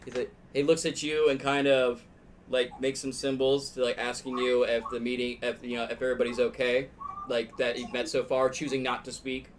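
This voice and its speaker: A man working as game master, improvising narration for a tabletop fantasy game in a halting way. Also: mid-range voice, little pitch movement, slight background noise. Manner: halting, repeats words as he improvises.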